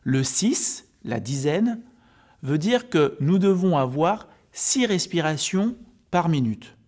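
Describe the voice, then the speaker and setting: Higher-voiced man explaining informally. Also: very animated, takes it slowly, darkish tone. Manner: didactic, step-by-step explaining, addressing the viewer informally. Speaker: health and sports coach presenting a video. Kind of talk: informal explanatory talk to camera.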